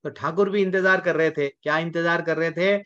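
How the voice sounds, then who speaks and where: A man's voice: on the high side, fairly even intonation, normal speed, a bit bright. A man telling a devotional story as a sermon. He asks rhetorical questions, answers them himself, repeats words and speaks straight to his listeners. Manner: addresses listeners directly. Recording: dull lo-fi recording.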